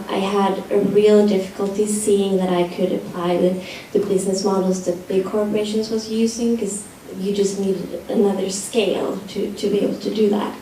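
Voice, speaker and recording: A woman who is a fashion entrepreneur, speaking with a sweet, soft voice and many fillers on a discussion panel. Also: slight background noise. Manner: high sweet voice, hesitant fillers. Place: large meeting room with audience. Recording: echoey hall, distant mic.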